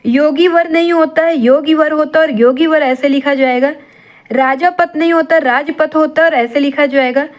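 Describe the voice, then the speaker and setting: A woman teacher running an exam-prep grammar lesson, drilling points in a steady, repetitive way and asking and answering her own questions. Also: high-pitched, normal speed, hardly any pauses.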